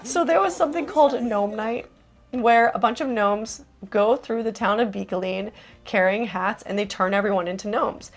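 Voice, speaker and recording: A woman's voice: medium pitch, normal speed, some chatter behind. A young adult woman narrating a casual vlog in a chatty, enthusiastic way, with lots of "like". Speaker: vlogger host.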